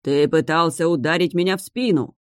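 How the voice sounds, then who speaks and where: Brief: reader playing a vengeful sea king, slow, growling, dry close sound. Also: fairly high pitch, no echo, close to an everyday voice. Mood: enraged. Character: furious grieving male sea king, vengeful.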